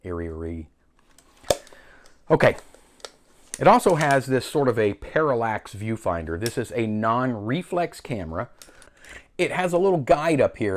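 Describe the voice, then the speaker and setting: A man hosting a casual filmmaking tutorial, chatty and self-correcting as he demonstrates a camera. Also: mid-range voice. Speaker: filmmaking channel host.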